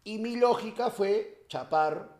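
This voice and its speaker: A young man with a Peruvian accent, telling a comic anecdote in a slangy, animated casual chat. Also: high voice, takes it slowly, reverberant. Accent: Peruvian Spanish. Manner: animated, slangy, acts out voices in his anecdotes. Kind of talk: casual comedic storytelling.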